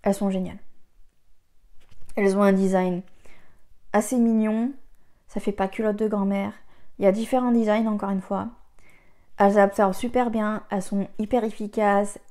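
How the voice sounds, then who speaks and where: A chatty woman from France reviewing products she has used up, talking straight to her viewer. Her voice is mellow and warm, with a middle pitch. She leans hard on the words she cares about and keeps dropping small fillers between thoughts. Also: level tone. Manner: chatty and emphatic, filling pauses with "voilà". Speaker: beauty vlogger. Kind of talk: casual product review chat.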